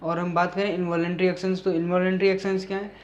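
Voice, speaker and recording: A man's voice: high-pitched, level tone. Man teaching biology in a dull lo-fi recording. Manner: reads English definitions slowly, then explains in Hindi with frequent hesitations. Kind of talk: classroom lecture explaining biology.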